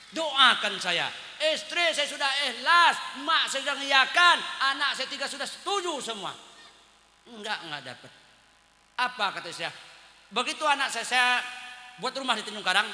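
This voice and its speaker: A male preacher with a Lampung Indonesian accent gives a humorous sermon. He swings between loud outbursts and low asides and acts out the voices he quotes. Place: community gathering hall. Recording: echoey hall with long reverb.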